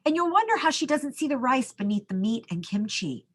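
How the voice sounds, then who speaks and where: A school storyteller, a woman with a high, sing-song voice, reads a children's picture book aloud. She is expressive, using dramatic pauses and stretching out her words.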